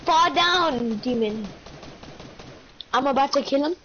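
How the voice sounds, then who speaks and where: A woman chatting as a teammate in a shooter game, drawing out her words in mock-dramatic outrage. Her high voice swings widely in pitch, and she talks slowly. The recording is lo-fi, with a faint hiss underneath. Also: animated, a bit bright. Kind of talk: casual gaming chat. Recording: lo-fi with faint noise.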